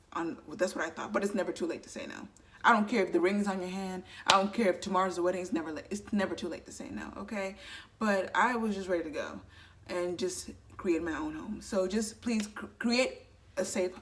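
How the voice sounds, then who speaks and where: A woman in her twenties giving earnest, chatty advice to camera and filling her talk with "you know" asides. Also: on the low side. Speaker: vlogger.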